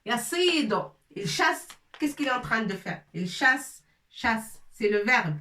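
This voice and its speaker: A woman teaching a class, with a bright, slightly high voice that repeats each word slowly for her students. She sounds like she is some way from the mic in a room with a lot of echo. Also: sing-song. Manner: slow, repetitive, drills words aloud. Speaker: Arabic teacher. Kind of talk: classroom grammar lesson. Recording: echoey room, voice from far off.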